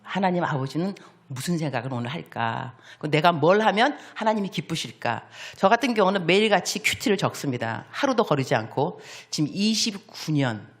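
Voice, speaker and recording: A middle-aged woman missionary preaching a sermon in church, animated and playful, acting out little voices as she goes. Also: deep voice, fairly quick, hardly any pauses. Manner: animated, acts out voices of children and God, playful asides. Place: church sanctuary.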